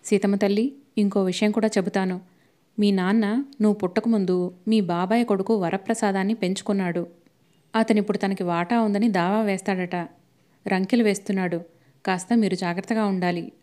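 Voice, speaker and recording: A woman voicing an elderly, kindly male family lawyer who gives slow, measured, fatherly advice in a storybook reading. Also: mid-range voice, steady tone, warm tone, lightly acted.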